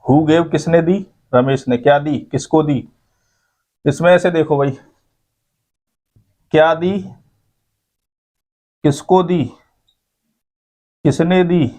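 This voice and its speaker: A man's voice: a little high, a little mellow. A man teaching an English grammar lesson to school students, explaining step by step and often checking in with "okay, brother". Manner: explains step by step, keeps adding "ठीक है भाई".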